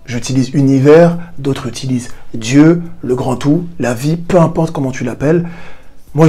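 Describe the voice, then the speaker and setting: A man's voice: fairly high pitch, mellow, slightly rough. A man hosting a personal growth channel, explaining ideas straight to the viewer and repeating key points for emphasis. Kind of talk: explanatory talk to camera.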